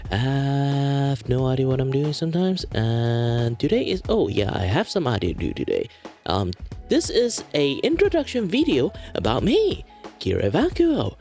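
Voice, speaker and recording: A man's voice: medium pitch, wildly swooping pitch, moderate pace, warm tone, soft background music. A man hosting as a virtual streamer, introducing himself in a casual, rambling, playful and hesitant way. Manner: hesitant, wandering, playful delivery.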